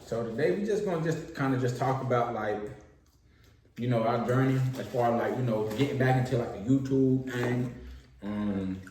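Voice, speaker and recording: A man's voice: medium pitch, normal speed, darkish tone. A young man chatting casually with his wife while eating, laid-back and slangy. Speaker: vlog co-host. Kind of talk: casual chat over a meal. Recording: very echoey room, faint noise.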